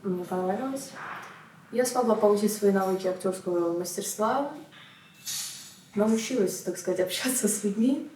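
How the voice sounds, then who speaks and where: A woman's voice: mid-range voice, moderate pace, long pauses, darkish tone, echoey room, far from the mic, a little hiss or hum, poor audio. A woman shyly and briefly answering an interview question about a film project. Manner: shy, with fillers.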